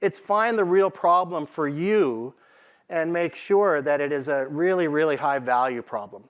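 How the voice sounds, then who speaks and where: A Canadian man, an AI consultant speaking at a conference, gives a casual business talk to a live audience. His voice is fairly high and a little slow, and he delivers with emphasis and a conversational feel, frequently checking in with rhetorical questions.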